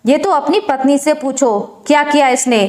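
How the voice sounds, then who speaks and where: A sharp-tongued older mother-in-law, as a woman storyteller voices her nags and scolds in a fairly high voice. The narration has a roomy echo around it. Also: normal speed, natural voice. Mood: scolding. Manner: sharp, nagging.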